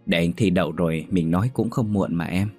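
A man reading a story, voicing a smooth-talking, manipulative young man who coaxes. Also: low-pitched, brisk, a little mellow, soft background music, close to an everyday voice. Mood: coaxing. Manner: coaxing.

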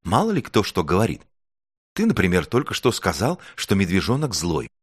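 Man doing a little girl star, storybook, high lively voice, eager, dry. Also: normal speed, breathy edge, no room sound, full character voice. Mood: spirited. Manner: eager, chirpy, sometimes shouting. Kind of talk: storybook reading.

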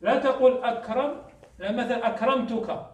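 A man's voice: very high-pitched, normal speed. A man teaching a classroom lesson on Arabic grammar, often asking a question and answering it himself. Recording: echoey room, mic far off.

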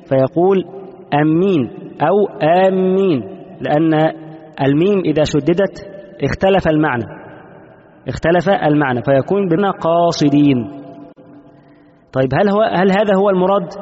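A man's voice: fairly high pitch, darkish tone. A man teaching a classical legal text, reading passages and explaining them in colloquial asides. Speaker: sheikh teaching Islamic law. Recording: dull lo-fi audio with long reverb.

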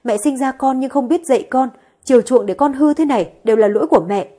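A woman plays a devoted middle-aged mother in a storybook drama, begging with tearful urgency. The voice is a little husky and sits slightly high. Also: fast, dark tone. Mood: pleading. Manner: pleading, tearful. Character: self-sacrificing middle-aged mother, pleading.

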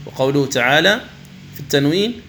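A man teaching Quran recitation. He explains each rule slowly and carefully, then stretches the examples out into chanted recitation, and sometimes contrasts a wrong reading with the right one. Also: a little high, lively intonation, bright, forceful tone.

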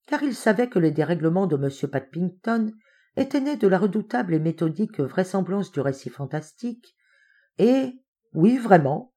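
Measured woman narrating a classic story. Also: on the low side, warm tone, slightly rough. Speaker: audiobook narrator. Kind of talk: scripted narration.

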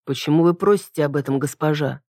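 Woman doing a calm quiet cat-dragon servant guy, low and polite, super dry sound. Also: quick pace, no room sound. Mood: calm, patient. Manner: quiet, patient, deferential. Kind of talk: audiobook character voice.

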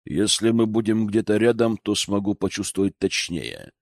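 A man doing a deep, businesslike male mage. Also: expressive, normal speed, gravelly, no room sound, studio quality.

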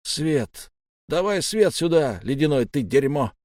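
A man voicing a rough, impatient one-eyed senior sailor in an audiobook, shouting. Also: fairly low pitch, moderate pace, no room sound, clean studio sound, close to an everyday voice.

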